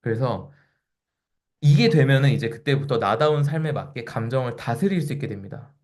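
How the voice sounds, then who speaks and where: A man's voice: medium pitch, expressive, fairly quick, a little mellow. A man in his forties giving a lecture to a live audience, often asking the listeners questions and acting out quoted voices. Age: 40s.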